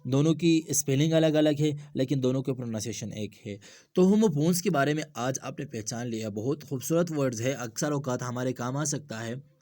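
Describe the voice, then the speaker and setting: A man teaching English homophones in a slow, repetitive explanatory lesson, spelling words out letter by letter and mixing English terms into Hindustani with Urdu vocabulary. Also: mid-range voice, mellow, dry recording.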